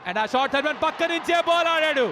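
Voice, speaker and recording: A man giving excited cricket commentary, exclamatory, mixing drawn-out English catchphrases into Telugu. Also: extremely high pitch, noisy background.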